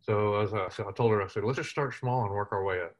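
A military veteran from West Texas, appearing as an interview guest, tells humorous stories in a lighthearted way. He talks fast in a fairly low voice.

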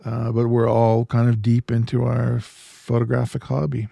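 A man co-hosting a podcast, telling a story in a relaxed, easygoing way with a few fillers. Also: mid-range voice, normal speed, creaky, no room sound. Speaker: podcast co-host. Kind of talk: casual chat.

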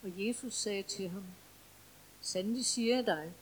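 A woman reading scripture aloud in a steady, careful way. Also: medium pitch, slight background noise, poor audio. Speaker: scripture reader.

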